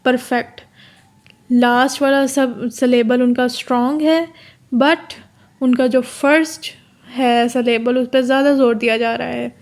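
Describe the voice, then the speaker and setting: A Pakistani woman walks students through exam material in a casual, step-by-step way. Her voice sits on the high side and stays flat, with little melody. She slows right down to read out the English terms. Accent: Pakistani Urdu. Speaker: tutor. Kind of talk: exam-prep lecture.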